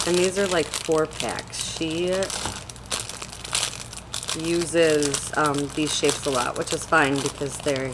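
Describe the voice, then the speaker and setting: A woman's voice: low-pitched, noisy background. A young woman chatting casually in a home vlog, rambling with lots of fillers, recorded on a desk webcam. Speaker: vlogger. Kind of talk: casual product haul chat. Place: small room at home, indoors.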